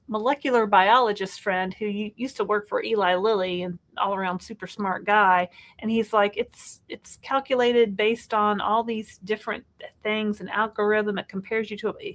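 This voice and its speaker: Animated woman in her fifties. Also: mid-range voice. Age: 50s. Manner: animated, exasperated outbursts and laughter. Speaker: co-host. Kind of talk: live Q&A chat.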